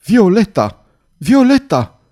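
A man's voice: medium pitch, lively intonation, natural voice. A man voicing an anguished giant executioner. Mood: frantic, howling. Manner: swings between trembling murmurs and anguished shouts. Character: hulking male executioner, tormented and volatile. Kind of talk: audiobook character voice.

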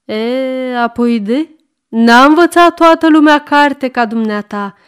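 A woman's voice: sits high, clean tone, voice pushed up, lightly acted. A woman reading aloud and voicing a fussy, doting old grandmother who is stubborn and old-fashioned. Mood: huffy.

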